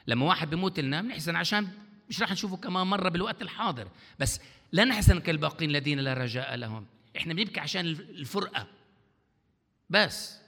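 Fast, gravelly preacher in a hall. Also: male voice, a little high, pushed and bright. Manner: preaching with rhetorical questions the congregation answers. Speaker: pastor. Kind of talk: sermon. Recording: long hall reverb.

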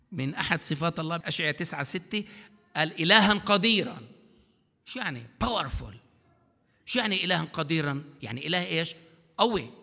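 Fast, gravelly preacher in a hall. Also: male voice, a little high, pushed and bright. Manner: preaching with rhetorical questions the congregation answers. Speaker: pastor. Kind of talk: sermon. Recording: long hall reverb.

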